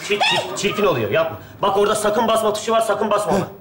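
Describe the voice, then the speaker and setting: An actor playing a man who comes from twenty years in the future as someone's older self, talking in a rough, bossy way. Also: high voice, echoey room, raised voice, a little hiss or hum. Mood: boastful. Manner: rough and bossy, fast and excitable. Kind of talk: sketch comedy acting.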